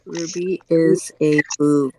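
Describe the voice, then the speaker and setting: A woman's voice: low-pitched, steady tone, slow pace. A woman chatting and joking with family during a live game stream. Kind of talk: casual gameplay chat.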